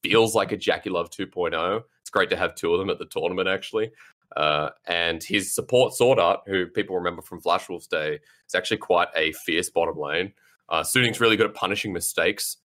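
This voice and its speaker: A man with a deep, low voice carrying a bright, forceful edge talks briskly as an esports analyst in relaxed panel banter. He rambles through long takes full of fillers and restarts, and apologizes for ranting.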